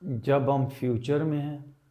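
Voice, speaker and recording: Speaking as a meditation teacher, this man guides listeners slowly and calmly, leaving long pauses; his pitch sits in the middle range.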